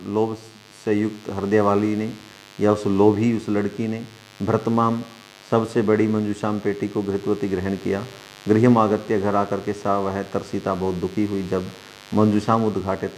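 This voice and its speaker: Giving an online Sanskrit class, a male teacher reads the lesson aloud one line at a time and translates it phrase by phrase, calling his pupils "dear children." His voice is lowish and a little mellow, with a slight hiss or hum in the background.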